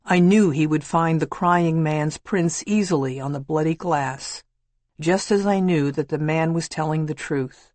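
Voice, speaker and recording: A woman reading a memoir audiobook in a measured, matter-of-fact way. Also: sits low, darkish tone, no echo. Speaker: audiobook narrator. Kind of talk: scripted memoir narration.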